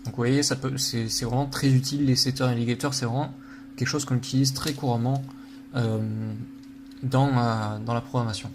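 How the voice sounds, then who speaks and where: A man's voice: medium pitch, fairly even intonation, normal speed, noisy background. A man giving a casual coding lesson while working at his computer, thinking aloud with lots of fillers and joking at his own slips. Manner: thinks aloud with many fillers, self-deprecating. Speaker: programming tutor.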